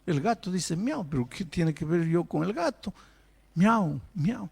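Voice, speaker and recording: Lively, high-pitched preacher. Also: male voice, normal speed, vocal fry, breathy edge. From Peru. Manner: dramatic preaching, acts out imagined voices, asks rhetorical questions. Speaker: pastor. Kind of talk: sermon.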